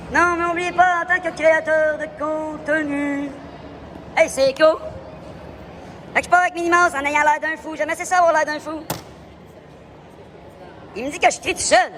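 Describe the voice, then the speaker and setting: A man with a Québécois accent, livestreaming a loud, provocative, rambling monologue in a public place and switching between French and English. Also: very high voice, a little hiss or hum. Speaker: live vlogger.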